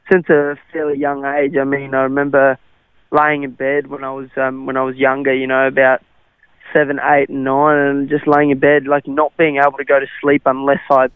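A young South African cricketer, whose first language is Afrikaans and who has an Australian accent, answers radio interview questions hesitantly, full of fillers. His mid-range voice is clear and resonant in a dry recording, yet the radio line sounds tinny and phone-like.

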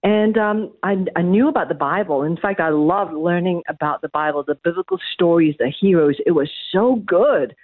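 Over a tinny phone line, a middle-aged academic woman from Malaysia responds to interview questions. Her voice is lowish and moderately paced with hardly any pauses, though she is hesitant and restarts many times. No room sound is audible.

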